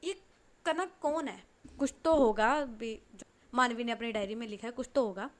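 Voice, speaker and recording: A woman's voice: a little high, normal speed, natural voice. A woman voicing a young, playful and curious niece who pleads and hesitates.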